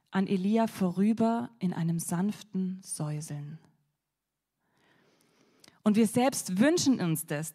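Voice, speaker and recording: A woman preaching a sermon dramatically, swinging between loud emphasis and whispers. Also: a little high.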